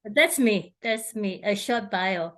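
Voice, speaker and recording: A middle-aged woman from Hong Kong, a feng shui consultant, answers interview questions haltingly, with many fillers and restarts. Her voice is mid-range, expressive and a bit bright.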